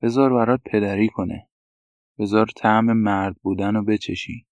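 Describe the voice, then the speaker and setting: Brief: a man as a matter-of-fact male doctor, direct and advising, deep fry in the voice. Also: fairly even intonation, a little mellow, no room sound, natural voice. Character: frank, calm male doctor giving blunt advice. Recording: dull, dry lo-fi recording.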